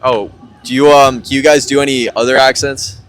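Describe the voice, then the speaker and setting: An American man in his young adult years hosts a casual interview. His voice sits at an average pitch. He talks in a halting way, with fillers and restarts. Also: fairly even intonation, fairly bright tone. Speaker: host.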